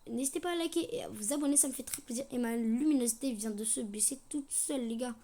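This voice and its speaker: A woman's voice: fairly high pitch, fast talker, mellow. A young woman doing casual, slangy commentary on a horror game, chatting to her viewers. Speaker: gaming streamer. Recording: noisy home gaming mic.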